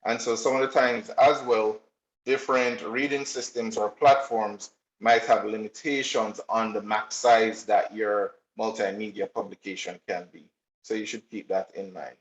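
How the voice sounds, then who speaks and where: A man's voice: lowish voice, steady tone, moderate pace. A man giving a technical presentation, explaining steadily with frequent filler ums. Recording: roomy, slightly dull recording.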